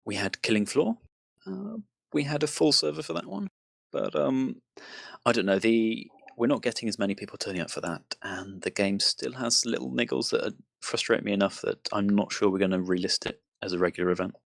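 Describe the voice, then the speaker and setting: A man from the UK hosting a casual podcast chat, relaxed and self-deprecating. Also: on the low side, a little fast, gravelly, no echo. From United Kingdom. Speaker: podcast host.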